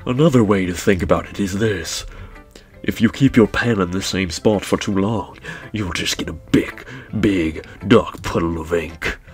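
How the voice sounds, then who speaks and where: A man voicing a sinister young female club president in a put-on evil villain voice, with a breathy whisper and slow, menacing phrasing. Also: low-pitched, faint music behind. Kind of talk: video game voice-over.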